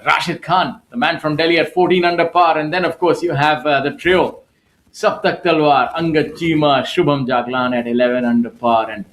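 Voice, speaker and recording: A man's voice: fairly high pitch, low-quality recording. A man hosting a live golf broadcast from the studio, opening the show with flowery, showman-like introductions. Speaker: studio host.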